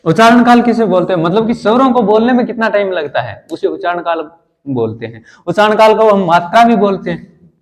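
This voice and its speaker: A man teaching a grammar lesson, asking the class questions and answering them himself, slowing down to sound out vowels one by one. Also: sits high, animated. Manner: explains step by step, asks and answers his own questions.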